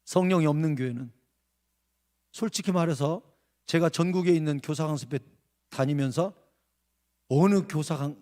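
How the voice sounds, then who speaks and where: A male pastor preaching at an evening revival service. He tells a story that swings from hushed narration to shouted outbursts. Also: fairly high pitch, normal speed, pauses often. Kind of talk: revival sermon. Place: church sanctuary.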